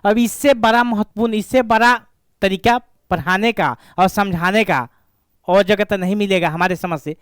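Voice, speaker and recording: A man's voice: sits high, fairly even intonation, normal speed, fairly bright tone, smooth, no room sound, clean studio sound. A man teaching a grammar lesson, repeating points and asking and answering his own questions.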